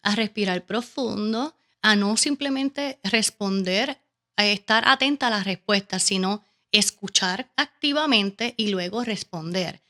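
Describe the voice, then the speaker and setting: A woman's voice: medium pitch, a little slow, sharp tone. A woman with a Caribbean Spanish accent telling a personal story casually as an interview guest, animatedly acting out her own questions and remarks. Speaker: interview guest, teacher and educational consultant.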